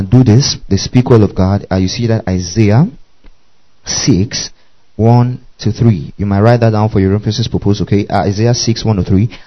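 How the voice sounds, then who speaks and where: A man preaching a Bible lesson, who keeps checking in with his listeners by asking "okay?" and "do you see that?". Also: lowish voice. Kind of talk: bible teaching sermon. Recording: muffled lo-fi recording.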